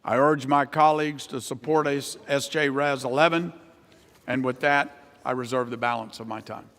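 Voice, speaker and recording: A man's voice: mid-range voice, fairly even intonation, moderate pace, a bit bright. An American man giving a formal, prepared political floor speech as a congressman. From Ohio, United States. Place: large legislative chamber, House floor. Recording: reverberant large chamber.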